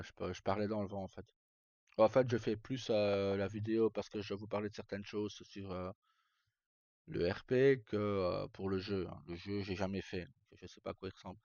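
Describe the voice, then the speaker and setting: This live streamer speaks in a lowish, creaky, slightly mellow voice at a moderate pace, casually chatting to viewers without a script. He's sweary and colloquial, breaking off into short phrases, while faint game music plays in a dull, roomy recording.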